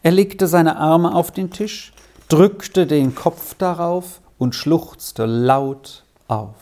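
Slow, mellow storybook narrator. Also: mid-range voice. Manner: calm, measured storytelling. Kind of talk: audiobook reading of a classic children's story.

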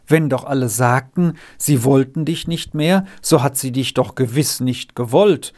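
Guy doing a sweet earnest little farm girl in a storybook, slow and soft. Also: mid-range voice, close to an everyday voice. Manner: earnest, softly persuasive.

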